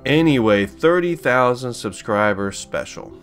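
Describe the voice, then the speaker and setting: A man's voice: mid-range voice, animated, measured pace, fairly bright tone, faint music behind. A man hosting a let's play who gives casual, rambling commentary as he flies, with frequent restarts and chuckles.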